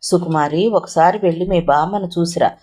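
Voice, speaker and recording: A woman voicing a calm, mild young man who offers gentle advice. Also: on the low side, brisk, natural voice.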